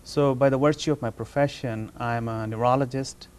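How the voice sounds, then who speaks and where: A man from Pakistan, a neurologist, answering interview questions in a measured, explanatory way. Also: medium pitch, steady tone, a little mellow, smooth. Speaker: neurologist guest.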